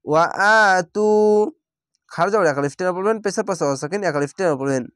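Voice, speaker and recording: A man teaching Quran reading, spelling out each word and drawing it out slowly, then explaining the rules at a quicker clip in Bangladeshi Bengali. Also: a little high, no room sound, clean studio sound. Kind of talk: spelled-out Quran recitation lesson.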